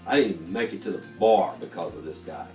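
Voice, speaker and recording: A middle-aged man with a low voice rattles off loose, profane anecdotes to friends at a fast clip. He's animated, laughs through his stories, and quotes other people as he tells them. The recording sounds like an echoey room, with him far from the mic and music playing behind.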